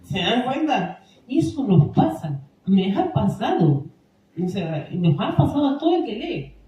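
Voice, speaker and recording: A woman gives an informal training talk to a parish group in a meeting room, speaking conversationally and often asking the room whether they agree and follow. Her fairly high, mellow voice is very animated and a little slow. The echoey recording, from a distant mic, has cut-off highs and slight background noise.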